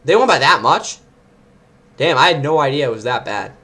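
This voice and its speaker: A young man, rambling excitedly through casual sports predictions as host, often correcting himself mid-sentence. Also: medium pitch, normal speed.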